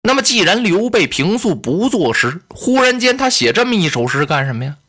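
A storyteller narrating a traditional tale with animated, conversational asides to the listeners. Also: medium pitch, a little fast.

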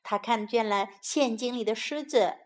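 A woman teacher narrating a children's story in a slow, gentle storytelling manner. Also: fairly high pitch.

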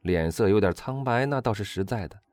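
A man reading a storybook, voicing a vain, excitable young dandy who chatters loudly and boastfully. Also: a little fast, no echo, close to an everyday voice. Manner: loud exuberant high-pitched chatter.

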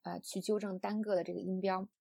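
A young woman from China teaches English pronunciation in a patient, explanatory way, scattering soft fillers as she goes. Her voice is mellow and a little husky, in a middling register. The sound is dry and close. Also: medium pitch, little pitch movement, fairly quick, no room sound. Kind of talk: online audio lesson.

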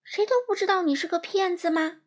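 A woman voicing a bold young girl who speaks up loudly and indignantly. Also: very high-pitched, fairly even intonation, brisk, voice pushed up. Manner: loud, indignant, exclaiming.

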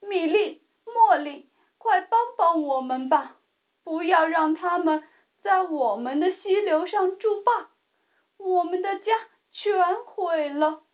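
A woman's voice: very high-pitched, slow pace, voice pushed up. A woman doing pleading storybook otters. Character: otters pleading for their home. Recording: tinny phone-like home recording.

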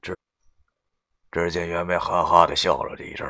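A man narrating a novel in the first person in a gruff, coarse, swearing manner. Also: sits low, little pitch movement, moderate pace, sharp tone. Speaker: audiobook narrator.

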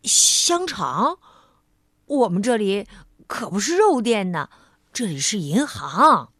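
A woman's voice: fairly low pitch, expressive, no room sound, clean studio sound, pitched below the performer's own voice, natural voice. A woman voicing a polite, patient female bank manager in a children's story. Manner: courteous, measured.

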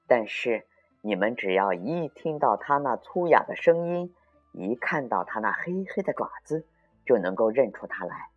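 A man doing a gentle caring mother goat. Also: medium pitch, dull audio. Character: loving careful mother goat.

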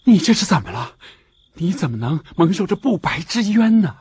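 A fretful gentle monk. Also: male voice, high voice, very animated, normal speed, breathy edge, no room sound, heavily acted. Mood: reproachful. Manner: soft, fretful, pleading. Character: gentle, timid male monk master, pious and stubborn. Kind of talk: TV drama acting.

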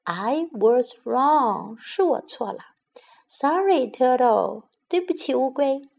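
A woman voicing a boastful male rabbit in a children's story, saying each line slowly in English and then again in Chinese. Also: sits high, animated, creaky, a little mellow, exaggerated voice. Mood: sheepish.

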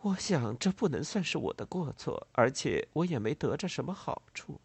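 A man voicing a ruined widow who speaks in a quiet, restrained, cool manner. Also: fairly high pitch, sing-song, normal speed, vocal fry, husky, no room sound, pitched above the performer's own voice, full character voice. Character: ruined noble widow, dignified and weary.

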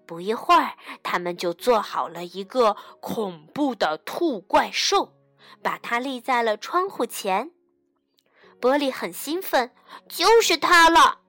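A woman reading a children's bedtime story aloud in a gentle, expressive way. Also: on the high side, measured pace, no echo, soft background music.

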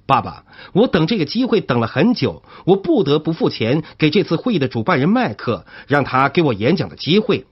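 A man's voice: a little high, big pitch swings, brisk, hardly any pauses, slightly rough. A man giving a motivational talk on listening, explaining step by step and putting questions to the audience. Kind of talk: motivational lecture. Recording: dull lo-fi recording.

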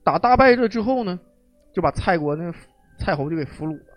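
A man spins history into lively, joking stories in casual chat. His voice sits fairly high for a man, and faint music plays underneath. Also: fairly quick, dry recording. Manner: lively, joking, colloquial storyteller. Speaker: podcast host telling history.

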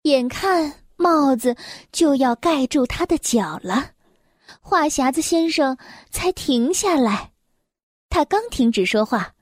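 A woman reading a children's story aloud in a gentle, expressive storytelling voice. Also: sits high, dry recording, studio quality.

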